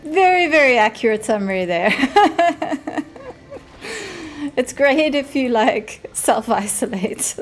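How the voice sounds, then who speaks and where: A woman's voice: high voice, expressive, slow, long pauses. A woman with a South African accent, chatting casually with viewers while playing a game and reading their messages aloud. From South Africa, Cape Town. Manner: chatty, reads chat aloud, laughs easily. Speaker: streamer. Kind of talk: casual live-stream chat while gaming.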